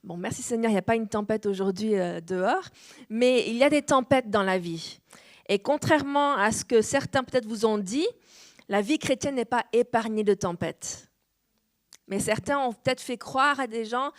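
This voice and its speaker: A woman pastor in her thirties from France, preaching a sermon with an easy, earnest manner and a light French accent, full of amens and little pauses. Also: a little high. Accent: French, slightly shifting. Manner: warm, earnest preaching with frequent "amen" and "euh". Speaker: guest pastor. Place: church hall.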